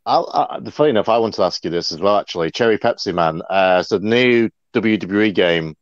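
A man with a somewhat low voice co-hosts a casual livestream, rambling along with plenty of fillers. His sound is dry and dull, like a lo-fi mic in a dead room. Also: fairly quick, dry recording. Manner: chatty, rambling, many fillers. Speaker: co-host.

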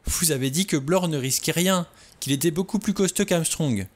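A man voicing a frightened, desperate young woman in an audiobook reading, speaking in a high, trembling way. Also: moderate pace, natural voice. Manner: pleading, high-pitched, trembling.

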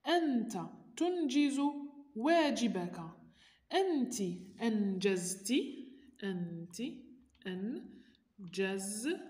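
The teacher has a slightly high, somewhat mellow voice and an Algerian Arabic accent. Patiently explanatory, she reads each item on a primary school worksheet aloud to parents and then explains it slowly, with the echoey room giving a long reverb.

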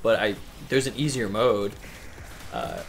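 Brief: young male gameplay host, a bit low, excitable and sweary, game music faint underneath. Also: a little slow, vocal fry. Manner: excitable, laughs often, swears casually. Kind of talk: casual let's-play commentary.

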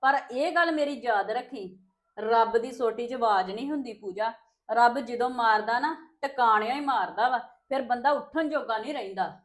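A woman plays a wronged housewife who answers with grave warnings and resentment. Her voice is high, and her tone is that of a scripted family drama. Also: normal speed, close to an everyday voice. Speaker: actor in a family skit.

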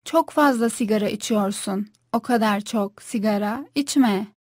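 A woman's voice: medium pitch, unhurried, dry recording, studio quality. A woman carefully repeating short phrases for a language course. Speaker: Turkish phrase reader. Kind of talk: scripted phrasebook reading.

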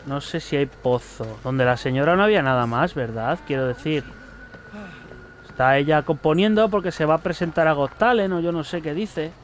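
A man's voice: a little high, animated, moderate pace, a little hiss or hum. A young man, commenting casually on a horror game as he plays, swearing and chatting to the characters. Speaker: gaming YouTuber. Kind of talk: let's play commentary.

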